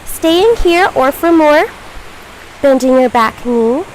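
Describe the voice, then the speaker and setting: Female yoga teacher, high voice, guiding a class with reassuring, measured instruction over light background noise. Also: animated, rough recording. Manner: encouraging, reassuring, measured cueing.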